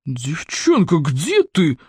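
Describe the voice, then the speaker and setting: A reader voicing a hoarse, vicious male henchman in an audiobook fairy tale, snarling roughly. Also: medium pitch, expressive, measured pace, no room sound, clean studio sound, close to an everyday voice. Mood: furious. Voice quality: hoarse, wheezing.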